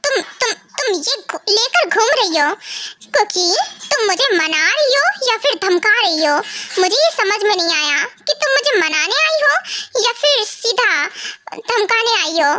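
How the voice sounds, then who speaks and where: A woman's voice: very high voice, big pitch swings, a little slow, sharp tone, a little hiss or hum, full character voice. A woman voicing a cocky, sulking young husband in an amateur fan dub, speaking in a huffy, scolding way. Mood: irritated.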